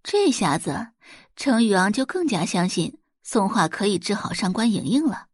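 With lively, sweeping intonation, a woman narrates a dramatic audio novel at normal speed. Her medium-pitched voice has a slightly husky grain, and the recording is close and dry with no echo.

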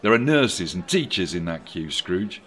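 A man's voice: mid-range voice, expressive, moderate pace, a bit bright, lightly acted. A man voicing a solemn, sarcastic male Christmas spirit in a satirical storybook reading. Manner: solemn, reproachful.

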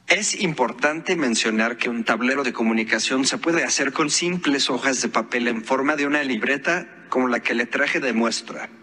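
Bright synthesized male voice in a reverberant hall. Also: medium pitch, slightly rough. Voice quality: synthesized text-to-speech voice, like an old speech synthesizer. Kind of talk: prepared formal speech.

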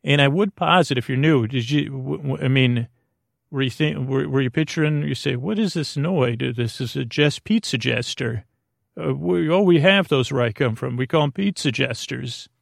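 In a studio-quality recording free of room sound, a man hosting a sleep podcast meanders through a bedtime-story monologue to help listeners fall asleep. He's gently silly and calming, his medium-pitched voice gravelly and creaky, often stopping mid-word, trailing off, and circling back.

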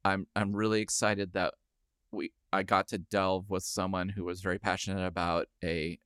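A man's voice: deep voice, little pitch movement, normal speed, fairly bright tone, smooth, no echo, studio quality. A man hosting a podcast, earnest and enthusiastic, wrapping up an interview and reading the outro. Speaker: podcast host. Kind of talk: interview chat and scripted outro. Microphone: remote call recording.

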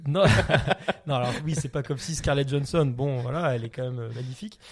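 A man's voice: mid-range voice, a little fast. A man co-hosting a casual podcast, talking about films with enthusiasm and lots of hesitant fillers. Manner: enthusiastic, hesitant with many fillers, laughs often. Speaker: podcast co-host. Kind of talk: casual film chat.

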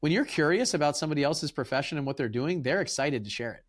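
A man hosting a podcast, talking in a relaxed, rambling way and acting out his conversations with tradesmen. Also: fairly high pitch, quick pace. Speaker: podcast host. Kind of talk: casual interview chat.

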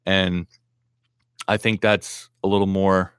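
A man with a low, deep voice hosts a casual live stream Q&A, reading out viewer comments and answering them in a blunt, practical way. He talks loosely, with plenty of fillers and false starts. The sound is close and dry, with no room around it. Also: little pitch movement, takes it slowly, smooth, no room sound. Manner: reads viewer comments aloud and answers plainly, frequent fillers and restarts.

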